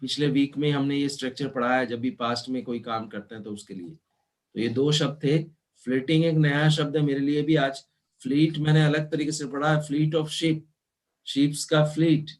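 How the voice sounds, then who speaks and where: A man teaching an online class, explaining slowly and spelling words out letter by letter, mixing in English terms. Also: medium pitch, fairly even intonation, a little mellow. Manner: mixes Hindi with English terms. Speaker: law teacher.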